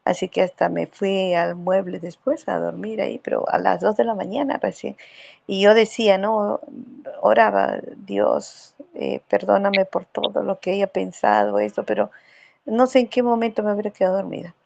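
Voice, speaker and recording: Gravelly woman, hesitant storyteller. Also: mid-range voice, steady tone, normal speed, a little mellow, muffled recording. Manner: hesitant, full of fillers, acting out remembered dialogue. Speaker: participant in a weekly spiritual group meeting. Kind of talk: personal testimony in casual group chat.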